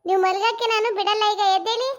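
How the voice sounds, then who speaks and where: A woman voicing a shrill, nagging village wife. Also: fairly even intonation, fast talker, soft background music. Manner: nagging, insistent. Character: nosy, persistent older village wife. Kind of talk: cartoon comedy voice acting.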